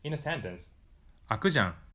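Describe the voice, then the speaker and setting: This language teacher is a young man from Japan with a Japanese accent and a medium-pitched voice. He delivers a calm, scripted lesson to camera, voicing his Japanese example phrases more quickly and loudly, and is recorded on a lapel mic in a small room.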